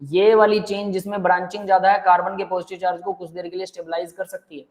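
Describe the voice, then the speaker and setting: Quick and high-pitched, this male chemistry teacher lectures live online in a relaxed, friendly way, breaking things down step by step and repeatedly checking the class is with him. He addresses students as "beta" and "bhai."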